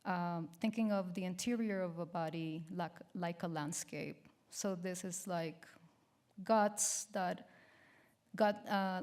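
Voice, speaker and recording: Colombian-born woman in her 50s giving an art talk, slow, lots of ums, lowish voice. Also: a little mellow. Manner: hesitant, many ums and restarts. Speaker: guest artist giving a lecture. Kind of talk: public lecture with slides.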